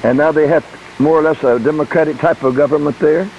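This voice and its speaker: A man's voice: on the high side, quick pace, a little hiss or hum. A man interviewing over a phone line. He asks short questions and murmurs agreement. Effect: heard over a phone line.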